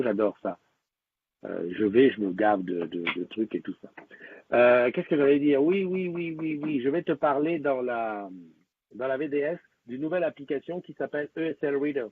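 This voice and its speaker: Husky man chatting on a tinny stream. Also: medium pitch. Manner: rambling, with many fillers and restarts. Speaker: live-stream host. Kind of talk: casual live-stream chat with viewers. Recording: tinny, lo-fi phone-like sound.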